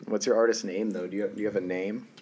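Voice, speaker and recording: A male podcast guest with a fairly low voice, trading dry, teasing jokes in easygoing chat. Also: fairly even intonation, racing, a little mellow, slightly rough.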